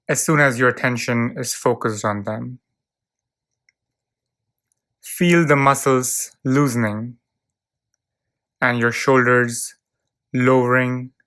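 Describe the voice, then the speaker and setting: With a clean, smooth, medium-pitched voice, a narrator leads a relaxation exercise. The guided visualization unfolds very slowly and soothingly, in short calm phrases separated by long pauses.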